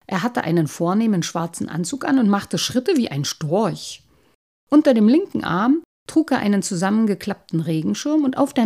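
A woman reading a children's story aloud in an expressive, animated way. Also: medium pitch.

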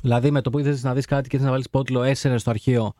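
A man co-hosting a radio talk show in a studio, chatting casually and telling stories in an animated, slangy way. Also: medium pitch, no room sound. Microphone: studio microphone.

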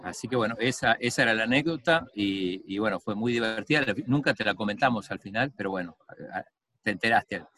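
A man's voice: fairly low pitch, animated, a little fast, sharp tone. A man interviewing an athlete, telling a story in a chatty way with many fillers.

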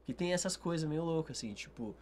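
A young Brazilian man, a guest musician, telling animated stories in casual podcast chat and acting out the dialogue. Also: fairly high pitch, brisk, a little hiss or hum.

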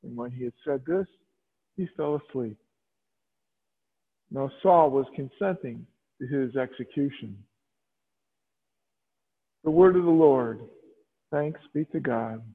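A man leading Mass as a priest, reciting prayers and scripture in a measured, solemn way. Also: medium pitch, breathy edge. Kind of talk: liturgical prayers and scripture reading. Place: church. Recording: tinny radio broadcast in a long-reverb church.

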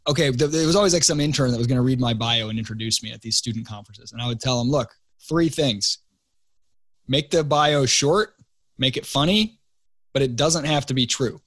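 A man's voice: mid-range voice, a little fast, fairly bright tone, no echo. A man guesting on a podcast, telling a story and teasing his hosts in a playful, casual way.

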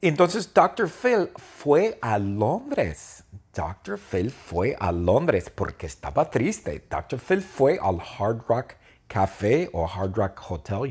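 Husky man telling a slow, silly story. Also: sits low, darkish tone. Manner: playful, repeats each line. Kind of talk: silly story told slowly in simple sentences.

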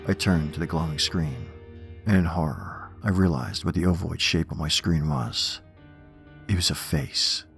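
A man hosting a horror podcast, reading scripted stories and poems in a measured, theatrical manner. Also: extremely low pitch, vocal fry, soft background music.

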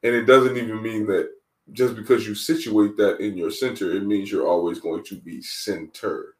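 Low-voiced man in his twenties, roomy sound. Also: fairly even intonation. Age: 20s. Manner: measured, repeats key phrases for emphasis. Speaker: guest, mental wellness coach. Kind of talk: reflective interview talk. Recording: roomy sound, distant from the mic.

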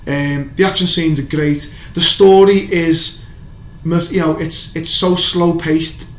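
A man with a slightly high, somewhat bright voice speaks slowly and with fairly even intonation. As a podcast co-host reviewing TV shows in casual chat, he rambles, offers strong opinions, and restarts often. The room is echoey, with faint background noise.

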